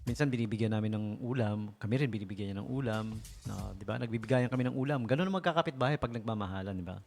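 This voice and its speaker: A Filipino radio DJ with a lowish, gravelly voice talks fast, telling funny stories in a casual, joking way. He's animated and chuckles often. The broadcast has music playing behind him.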